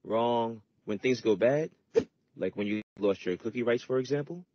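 A man's voice: medium pitch, moderate pace, dry recording, highs cut off. A man giving patient, scripted narration in an educational reading lesson. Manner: patient, instructive.

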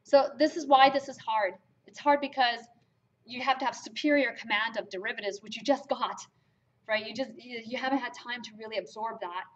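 A woman from Germany lectures on math, talking emphatically and asking rhetorical questions of the class. She speaks fairly quickly in a fairly high voice, and the lecture capture is lo-fi.

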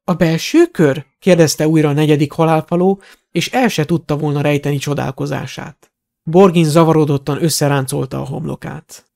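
A man's voice: a little high, steady tone, creaky, a little mellow. Man narrating a fantasy audiobook. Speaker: audiobook reader.

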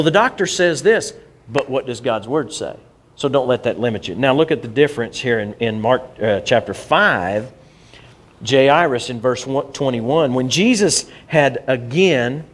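A male pastor, preaching a conversational sermon to his church, often restarting and repeating words as he goes. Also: mid-range voice.

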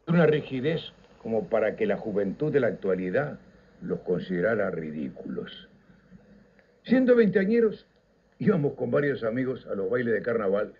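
On a slightly dull, lo-fi radio recording, an older host with a Rioplatense accent from Uruguay reads nostalgic scripted stories. He declaims theatrically and pauses for drama, his voice lowish and a little rough.

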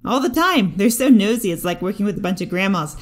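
A woman's voice: mid-range voice, quick pace, pitched above the performer's own voice, close to an everyday voice. Woman voicing a chatty flustered young heroine. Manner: chatty, animated.

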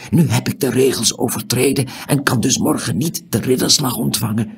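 A man voicing a young squire in an audiobook, in a whispered role-play, hushed, worried and a little cross. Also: low voice, moderate pace, gravelly, breathy edge, full character voice. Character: young squire on the eve of knighthood, torn.

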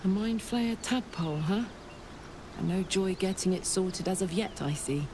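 A woman's voice: mid-range voice, moderate pace, noisy background, close to an everyday voice. An actress voicing a brash, hot-tempered female tiefling soldier in a video game, blunt and cocky. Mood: brash, confiding. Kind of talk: video game character dialogue.

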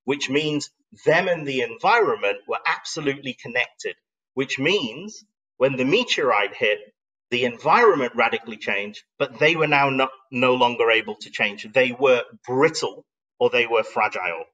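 Here a middle-aged man with a mid-range voice and lively intonation talks at normal speed in a sharp tone, presenting slides online live. He's explanatory and conversational, reflective and emphatic, often posing questions. The sound is lo-fi and recorded from afar.

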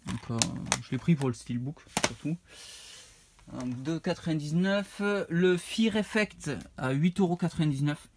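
A man's voice: on the high side, a little slow, noisy background. A man, casually showing off his retro game purchases, rambling and hesitant as he reads out prices. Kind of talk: casual unboxing vlog.

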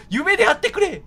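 A man giving excited horror game commentary, exclaiming in a startled way and often repeating his words. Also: very high voice, creaky. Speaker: gameplay commentator.

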